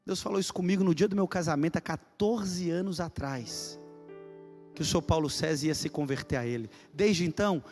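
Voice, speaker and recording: A preacher voicing a quiet, serene mother. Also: a little high, fairly quick, faint music behind. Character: calm, faithful middle-aged mother.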